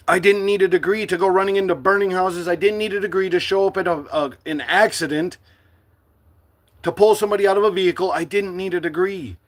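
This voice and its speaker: A middle-aged man from the United States speaking to his livestream viewers in a forceful, defiant, preachy monologue. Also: high-pitched. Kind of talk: impassioned live-stream monologue.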